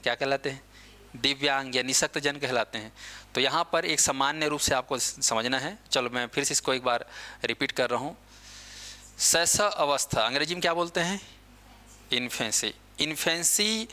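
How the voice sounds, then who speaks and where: A male teacher with a slightly high, sharp voice gives a lecture, mixing in English words. He asks his class questions, answers them himself, and repeats key points.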